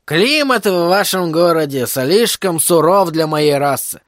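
Theatrical male sideshow barker, as a man reads him, raised pitch, dry close sound, audiobook. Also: animated, a little slow, dry recording. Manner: loud, showy barker's patter. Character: crippled male Remade showman, pleading, theatrical.

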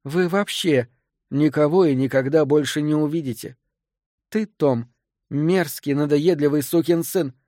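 A man reading an audiobook, voicing a deranged grieving woman who confesses to a killing, hoarse with rage and near sobbing. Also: measured pace, dark tone, dry recording, studio quality, natural voice. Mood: menacing. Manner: shrill, vengeful outbursts.

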